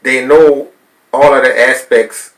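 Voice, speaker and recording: A man's voice: medium pitch, steady tone, slow pace, fairly bright tone, echoey room, rough recording. A man who works as a corrections officer, speaking as a guest in casual chat, cursing and repeating himself.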